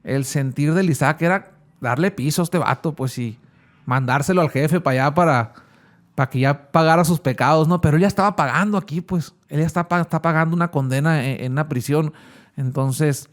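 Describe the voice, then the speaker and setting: A man's voice: on the high side, brisk. A man, telling his personal testimony in a casual, slangy way as an interview guest.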